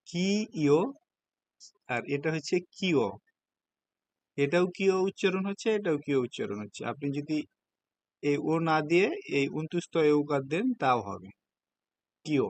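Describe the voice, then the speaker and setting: A male language teacher with a Bangladeshi accent and a slightly high voice, giving a classroom lesson. He speaks patiently and keeps checking in with his students through questions. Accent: Bangladeshi Bengali. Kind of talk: classroom lesson explaining hiragana.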